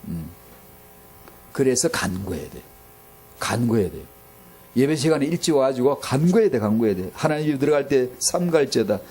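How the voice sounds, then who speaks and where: A man's voice: fairly high pitch, slightly rough. A male pastor preaching with passion, repeating words for emphasis and dropping to a near-murmur at times. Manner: impassioned, repeats words for emphasis, swings from loud to very soft. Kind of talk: sermon.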